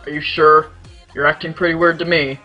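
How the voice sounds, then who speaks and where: A woman's voice: deep voice, level tone, brisk, dull audio, faint music behind. A woman voicing a sarcastic young barmaid in a fan audio drama. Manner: sarcastic, dry.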